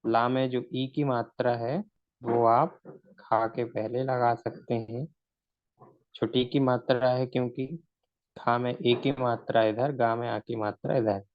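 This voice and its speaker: A man's voice: medium pitch, fairly even intonation, slow pace. A man gives a shorthand lesson in a mid-range voice. He asks a question and answers it himself, slipping English terms into his explanations. The recording sounds a little dull and lo-fi. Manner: mixes in English words. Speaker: shorthand teacher.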